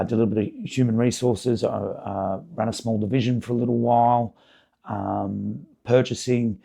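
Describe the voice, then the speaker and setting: A middle-aged man with a hoarse, croaky voice, talking casually as a podcast guest, with many fillers and restarts. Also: lowish voice, warm tone. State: hoarse, voice partly gone. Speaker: podcast guest, basketball facility owner. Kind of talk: casual interview chat.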